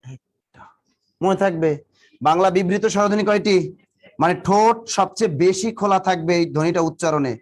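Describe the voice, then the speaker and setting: A man's voice: sits high, a little fast. A man. He fires the same question again and again, then teases and scolds his students. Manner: drills students with repeated questions, teasing and scolding. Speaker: exam coaching teacher. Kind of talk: live classroom lecture.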